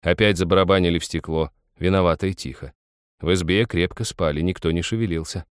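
A man narrates a story in a calm, measured audiobook reading. His voice sits very low, and the recording is dry and close. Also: clear, resonant tone, dry recording.

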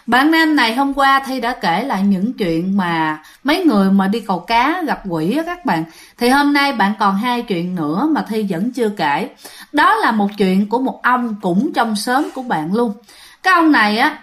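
A woman with a fairly high voice and a Southern Vietnamese accent narrates ghost stories. She talks in a chatty, animated way and leans on filler particles as she tells the tale. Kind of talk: casual storytelling to listeners.

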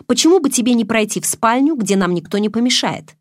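A woman reading the lines of a smooth, menacing man on the phone, calm and mocking. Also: fairly high pitch, quick pace, no echo, studio quality, pitched above the performer's own voice, lightly acted.

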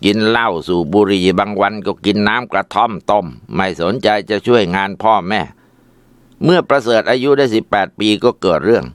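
A man narrating a ghost story in a steady storytelling delivery. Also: fairly low pitch, clear, resonant tone, dry recording.

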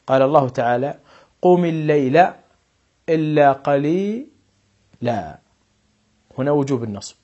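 Guy teaching grammar, husky voice, kinda dull lo-fi sound, slows down n gets louder on examples. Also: mid-range voice. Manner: explanatory, stresses quoted examples slowly and loudly. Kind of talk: classroom grammar lesson.

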